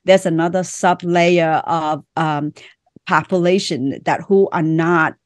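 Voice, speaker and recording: A woman's voice: sits low, steady tone, slow, no echo, studio quality. A middle-aged woman from Vietnam with a Vietnamese accent, speaking earnestly in short phrases as an author being interviewed on a podcast. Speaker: author and guest.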